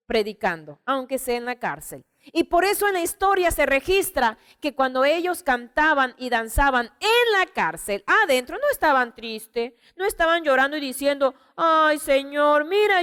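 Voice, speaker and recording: High-voiced woman pastor preaching. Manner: expressive preaching, retelling scripture with dramatic emphasis. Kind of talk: sermon. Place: church. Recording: long hall reverb.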